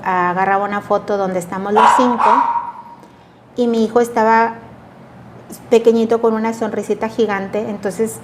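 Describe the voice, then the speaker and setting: A woman's voice: fairly high pitch, steady tone, moderate pace, long pauses, background noise. A middle-aged woman giving an earnest, reflective personal testimony as an interview guest. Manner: earnest, reflective, acts out remembered dialogue. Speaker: guest sharing a personal story.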